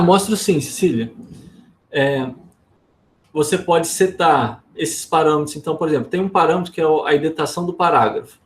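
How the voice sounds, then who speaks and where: A man giving an online workshop lesson in Brazilian Portuguese, explaining casually and often checking in with tag questions. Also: a little high. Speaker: instructor.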